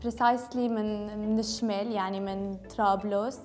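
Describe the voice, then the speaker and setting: This young Lebanese beauty vlogger, whose first language was French, speaks Arabic in a Tripoli accent with touches of Syrian Homs. Her medium-pitched, slightly mellow voice keeps a fairly even intonation at a moderate pace over faint music. Chatting casually to camera, she sprinkles in English words and often corrects herself.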